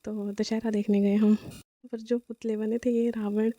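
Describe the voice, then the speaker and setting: A woman's voice: mid-range voice, level tone, unhurried, dark tone, dry recording, lo-fi sound. A young woman narrating her day out with a friend in a rambling, chatty vlog voice-over, full of fillers. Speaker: vlogger.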